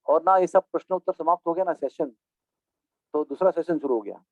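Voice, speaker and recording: A man giving a devotional storytelling discourse as a spiritual teacher, animated and playful, mixing in English phrases. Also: fairly high pitch, fairly quick, no room sound. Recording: tinny phone-like dry sound.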